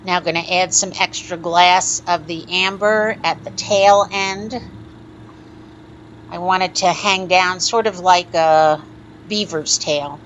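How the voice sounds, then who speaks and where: Speaking slowly, a woman from the United States narrates a hands-on lampworking tutorial, explaining each step in a calm, instructive, methodical way. She's a glass artist with a somewhat low voice, and the slightly muffled recording carries a faint background hiss.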